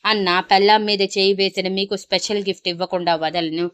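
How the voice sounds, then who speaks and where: A woman's voice: mid-range voice, fairly even intonation, fairly quick, a bit bright, smooth, no echo, close to an everyday voice. A woman voicing a domineering young husband. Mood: angry. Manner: harsh, commanding, scornful.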